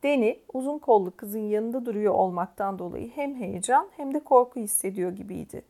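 A woman narrating an audiobook in a calm, measured first-person voice. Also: medium pitch.

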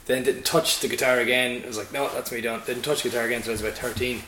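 Indoors at a pub or venue, a band member with a west of Ireland accent, from Sligo, is interviewed in a relaxed chat. His medium-pitched voice is steady, bright and pushed as he races along, telling jokey, sweary anecdotes, while roomy echo and faint noise and clicks color the recording.

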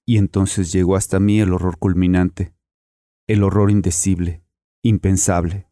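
A man narrating as a haunted, deep-voiced storyteller. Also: level tone, mellow, no echo, studio quality. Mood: grave. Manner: grave, measured storytelling. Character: haunted man recounting a horror. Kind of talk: dramatic horror narration. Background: music.

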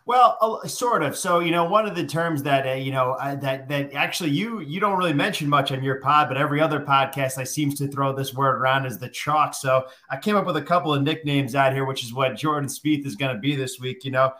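A man's voice: medium pitch, a little fast, hardly any pauses, pushed and bright. A man co-hosting a golf betting podcast, rambling casually and tossing out punning nicknames. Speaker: podcast co-host. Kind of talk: casual sports betting chat.

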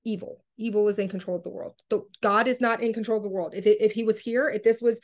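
Woman, impassioned Bible teacher, mid-pitched, heated and rhetorical. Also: steady tone, fast. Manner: heated, preachy, rhetorical questions. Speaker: faith teacher.

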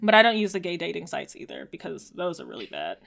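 A young woman in her twenties co-hosting a laid-back podcast, talking easily with frequent "like"s and quick laughs. Her voice is bright and forceful. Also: fairly low pitch, sing-song, creaky. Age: 20s. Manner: chatty, lots of "like" fillers and quick laughs. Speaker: podcast co-host. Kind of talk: casual chat.

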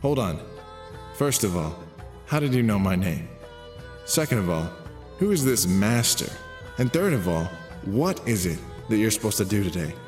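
A man's voice: lowish voice, big pitch swings, moderate pace, pauses often, a little mellow, soft background music. A man voicing a suspicious, slightly sassy young man in a storybook reading, asking curt, wary questions. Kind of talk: storybook narration with voiced characters.

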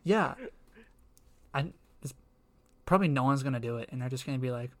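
Young man, podcast co-host, casual chat, rambling, lots of "like", quick laughs. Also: medium pitch. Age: young adult. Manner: rambling, fills with "like", laughs often.

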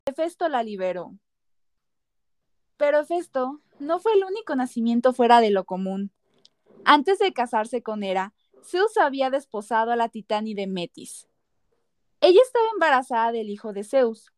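A woman's voice: a little high, very animated, moderate pace, a little mellow, no room sound, clean studio sound. A woman narrating a scripted story dramatically as a podcast narrator.

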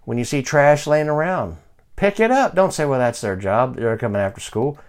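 A man in his fifties preaching a sermon, reading scripture slowly and moving from quiet asides to loud calls to pray. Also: medium pitch, animated. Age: 50s. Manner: reads scripture slowly and deliberately. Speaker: pastor.

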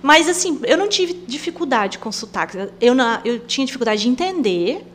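A woman's voice: high voice, fairly quick. A woman missionary with an inland São Paulo accent, the rolled caipira R, chatting as a podcast guest and acting out the dialogue in her stories. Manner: animated storyteller, acts out quoted dialogue. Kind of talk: podcast interview conversation.

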